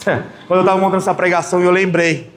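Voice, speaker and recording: High-voiced man preaching in an echoey hall. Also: steady tone, racing. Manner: dramatic storyteller, shifting between loud outbursts and soft asides. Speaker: lay preacher. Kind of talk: storytelling sermon at a prayer group. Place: prayer group meeting hall. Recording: echoey hall with long reverb, faint room noise.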